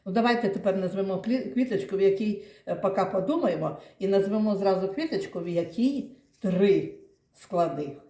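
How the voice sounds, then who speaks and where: A woman teaching young children, slowly and patiently sounding out words and praising them. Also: medium pitch, animated, warm tone. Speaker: kindergarten teacher. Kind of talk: classroom lesson for young children. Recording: echoey room.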